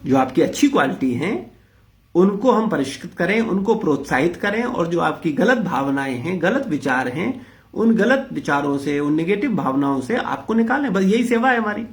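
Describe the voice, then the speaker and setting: A man's voice: sits high, big pitch swings, moderate pace. A man leading an interactive spiritual discourse, blunt and rhetorical, questioning his listeners. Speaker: spiritual teacher leading a class.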